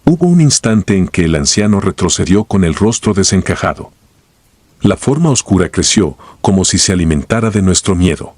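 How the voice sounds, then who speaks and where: A man narrating a first-person horror story in a grave, steady scripted delivery. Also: sits low, moderate pace, slightly rough, dry recording.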